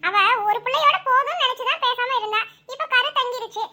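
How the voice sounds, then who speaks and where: A woman's voice: extremely high pitch, fast, sharp tone, full character voice. A woman voicing an older cartoon mother who scolds firmly and comforts her family. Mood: firm, comforting. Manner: firm, scolding yet comforting.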